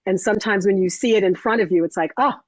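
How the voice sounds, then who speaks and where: A woman's voice: medium pitch, fast, no room sound. A woman hosting an interview, talking reflectively and affirming her guest, with frequent restarts. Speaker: host. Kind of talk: casual interview chat. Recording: dull lo-fi dry recording.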